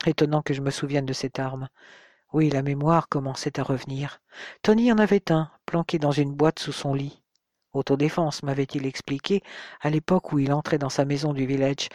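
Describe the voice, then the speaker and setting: A man's voice: medium pitch, steady tone, moderate pace, darkish tone, no echo. Man narrating a novel, dry and close. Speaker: audiobook narrator. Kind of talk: first-person novel narration.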